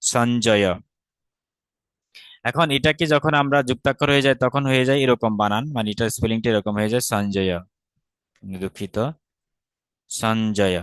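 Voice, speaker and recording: A man from Bangladesh leads an online class on Sanskrit verse, explaining each point patiently and checking that his students follow. His voice sits at an ordinary middle pitch. He slows down to recite syllables carefully, recorded close and dry with no room sound. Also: fairly bright tone, clear, resonant tone, dry recording. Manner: explains patiently, often asks rhetorical questions and checks understanding. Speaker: teacher of Sanskrit grammar.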